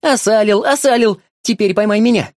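A man's voice: on the high side, normal speed, slightly rough, no echo, studio quality. A man voicing an eager young village boy who calls out and pleads in an audiobook. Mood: excited shouting. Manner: excited, calling out and pleading. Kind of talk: audiobook character voice.

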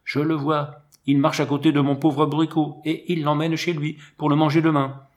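A man reading a storybook and voicing an excitable, proud donkey owner who shouts in high, loud bursts. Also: a little fast, lightly acted. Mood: indignant.

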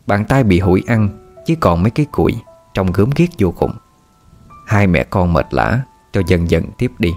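A man narrating a ghost story in a steady, somber way. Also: deep voice, moderate pace. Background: rain and soft music.

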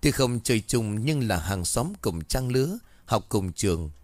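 A man narrating a ghost story in a lively storytelling manner. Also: lowish voice, unhurried, no echo.

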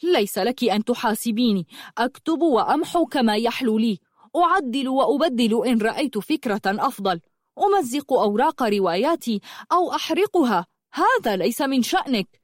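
A woman voicing a flustered male novelist who turns defensive and then gentle. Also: on the high side, expressive, fairly quick, no room sound, studio quality. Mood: angry. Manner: defensive, bursts into anger then softens.

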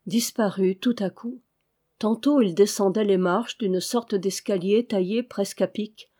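A woman narrating a classic adventure novel aloud in a measured, expressive way. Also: mid-range voice. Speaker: audiobook reader.

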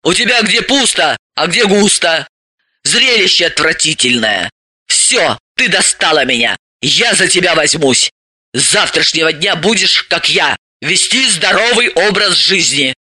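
A man's voice: on the high side, very animated, unhurried, pushed and bright, no echo, full character voice. A man voicing a bossy, sardonic woman who gives orders and mocks. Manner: commanding, mocking.

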